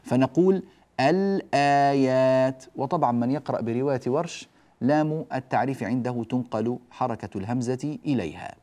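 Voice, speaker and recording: Male tajweed teacher; lectures plainly, then stretches each example word slowly. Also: mid-range voice, mellow. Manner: stretches example words slowly, drawn-out recitation; addresses listeners directly, mildly scolding asides. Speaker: Quran recitation teacher. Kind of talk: religious lesson explaining tajweed rules.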